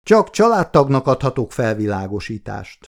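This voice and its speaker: A man's voice: medium pitch, very animated, creaky. A man reading an audiobook, voicing an irritable older woman doctor who answers curtly. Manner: curt, snapping.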